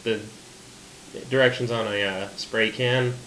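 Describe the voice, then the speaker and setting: Brief: male podcast guest, casual and halting, ordinary pitch, echoey room. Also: fairly even intonation, a bit bright. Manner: hesitant, with many "uh" fillers. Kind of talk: casual chat about car restoration. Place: room shared with several people. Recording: roomy echo with faint noise.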